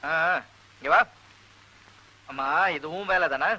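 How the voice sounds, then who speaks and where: A man's voice: on the high side, takes it slowly, vocal fry, sharp tone, highs cut off, heavily acted. A young actor playing an earnest army-captain son who pleads with his father.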